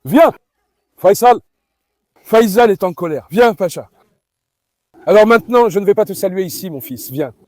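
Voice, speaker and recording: High-voiced man coaxing his dogs. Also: lively intonation, moderate pace, pauses often, no echo, clean studio sound. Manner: coaxing, calls to the dogs while talking to viewers. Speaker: farm vlogger with dogs. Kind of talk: casual vlog commentary.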